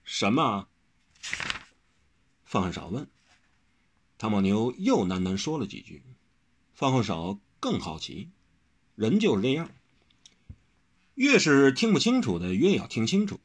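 A man narrating a martial-arts novel aloud in an expressive storyteller's manner. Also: mid-range voice, moderate pace, pauses often, breathy edge. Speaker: audiobook narrator. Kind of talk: novel reading.

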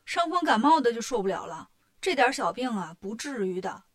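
A woman's voice: fairly high pitch, big pitch swings, a little fast. A woman voicing a boastful, cheeky male monkey king who talks brashly and teases. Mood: cocky. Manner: brash, bragging and teasing.

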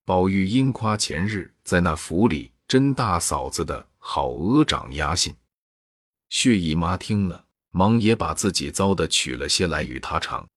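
A man reading a classic novel aloud as narrator, in a steady, even storytelling manner. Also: low voice, a little slow, husky, dry recording, clean studio sound.

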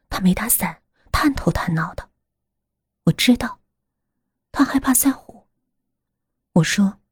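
Female horror storyteller, hushed and breathy, lively pitch swings, close and dry. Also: no room sound. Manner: hushed, breathy, often whispering.

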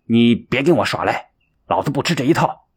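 A proud, stingy rich man snaps in a harsh, scornful voice, voiced by a male storyteller. The husky, breathy tone swings widely as he bristles, a miser in a spoken audiobook tale. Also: medium pitch, animated, fairly quick.

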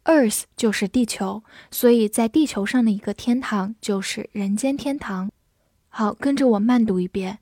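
A woman teaching English vocabulary, spelling words letter by letter and repeating them slowly for learners. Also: medium pitch, warm tone, no echo, clean studio sound. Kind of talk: vocabulary lesson.

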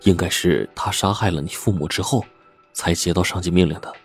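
A man voicing an earnest, simple-hearted young husband in a told story, speaking plainly in a low, husky voice. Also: fairly quick, soft background music. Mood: grim.

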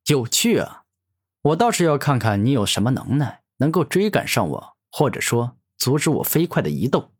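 A man's voice: mid-range voice, very animated, normal speed, husky. Man doing a cocky taunting young hero. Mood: mocking. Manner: taunting, self-assured. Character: cocky mocking young male martial hero.

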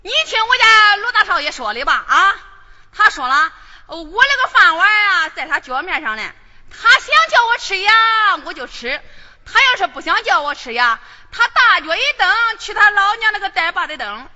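A saucy young opera maid. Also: female voice, very high-pitched, very animated, normal speed, sharp tone, big-room sound, slight background noise, heavily acted. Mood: plotting. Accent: Henan. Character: cheeky young maidservant with big feet, bold and playful. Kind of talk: Henan opera stage performance, comic spoken dialogue. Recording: dull lo-fi stage recording with opera music.

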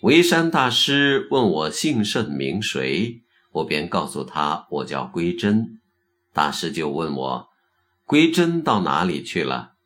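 A man voicing a dejected wandering monk in a told story, low and rueful. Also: big pitch swings, takes it slowly, a bit bright, heavily acted. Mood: downcast. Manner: downcast, rueful.

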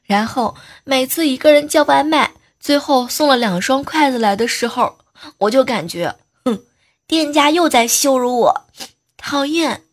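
A woman hosting a comedy show, running through short funny anecdotes with a playful, teasing delivery. Her voice sits a little high. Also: lively intonation, a little slow, slight background noise. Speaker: host. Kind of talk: comic joke storytelling.

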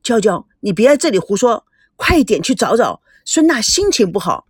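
A woman's voice: medium pitch, big pitch swings, moderate pace, breathy edge, no room sound, clean studio sound. A woman voicing an anxious, persistent young man who speaks earnestly. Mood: worried. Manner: earnest, worried.

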